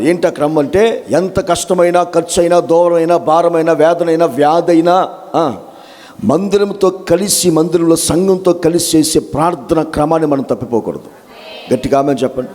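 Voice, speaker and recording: Male pastor, raised pitch, sermon delivery with rhetorical questions, long church-hall echo. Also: darkish tone. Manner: asks the congregation questions and answers them himself.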